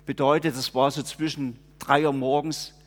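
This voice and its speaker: A man's voice: medium pitch, level tone, normal speed, long reverb tail. A man preaching a sermon in an earnest, conversational, explaining way.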